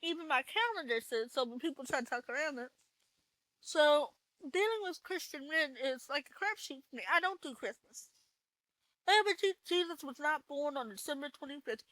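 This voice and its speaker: Bright high-voiced woman, blunt and preachy. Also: animated, brisk, dry recording, poor audio. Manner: blunt, preachy, swears freely. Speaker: podcast host. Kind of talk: personal testimony monologue.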